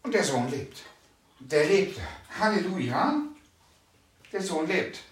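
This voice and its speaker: A fairly high-pitched man preaching with fervor, drawing out and repeating his key lines for effect. His voice rings through a reverberant room, picked up from some distance off the mic. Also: animated. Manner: emphatic, repeats phrases slowly and loudly for stress. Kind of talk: sermon.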